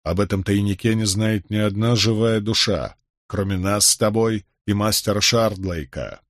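A man's voice: on the low side, normal speed, no room sound, studio quality, lightly acted. A man voicing a weary, disgraced middle-aged nobleman, with a heavy, sighing delivery in an audiobook reading.

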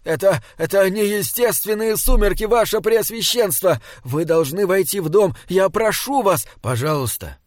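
A man's voice: fairly high pitch, lively intonation, a little slow, a little mellow, no room sound. A nervous archivist priest, voiced by a male narrator, pleads in a raised, anxious voice and stumbles over his first words. The reading is dry and close. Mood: anxious pleading. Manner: anxious, stammering urgency.

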